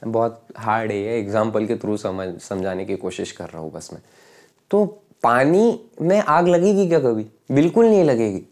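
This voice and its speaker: A man's voice: fairly low pitch, lively intonation, normal speed, a little mellow. Man teaching, checking in constantly. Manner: repeats "ठीक है?" checks often, explains with everyday examples. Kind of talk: explanatory lecture. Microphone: speaking to camera.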